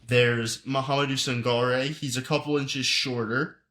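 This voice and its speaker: A man's voice: mid-range voice, steady tone, measured pace, pushed and bright. Man, podcast co-host, casual chat, blunt, joking, mid-range voice.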